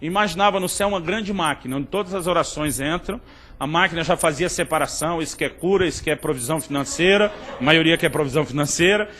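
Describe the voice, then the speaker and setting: A man's voice: a little high, fast talker, fairly bright tone. A Brazilian man with a Brazilian Portuguese accent, preaching a humorous sermon full of stories and asides to his listeners. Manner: jokey, addresses listeners as "querido".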